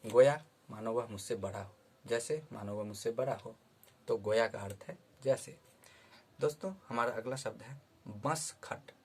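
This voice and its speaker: A man teaching a vocabulary lesson, patiently repeating each word slowly before explaining its meaning. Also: mid-range voice, breathy edge. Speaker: Hindi teacher.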